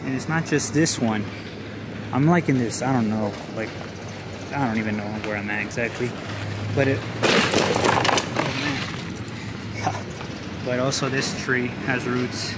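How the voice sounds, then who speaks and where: While cycling one-handed through the city, a young Los Angeles travel vlogger narrates casually into a camera held at arm's length, rambling and winded with many restarts and fillers. His mid-range voice is slow, with frequent pauses, and loud street and traffic noise runs underneath.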